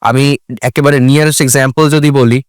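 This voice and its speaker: A man's voice: mid-range voice, fairly even intonation, a little fast, smooth, dry recording, studio quality. A man explaining English exam topics as a guest, switching between English and Bengali. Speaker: IELTS expert guest. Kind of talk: explanatory talk.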